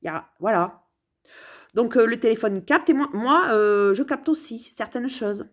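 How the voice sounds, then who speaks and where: Playful rambling woman, lively high voice. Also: unhurried. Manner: playful, meandering, full of hesitations and repeated words. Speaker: vlogger. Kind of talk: rambling casual musing to camera. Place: on her sofa at home.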